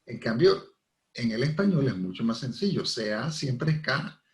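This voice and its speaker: A man's voice: medium pitch, lively intonation, normal speed. Venezuelan man explaining like a professor. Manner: explanatory, lecturing with examples. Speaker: guest language professor. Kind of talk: radio interview. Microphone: radio studio microphone. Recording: echoey radio studio sound.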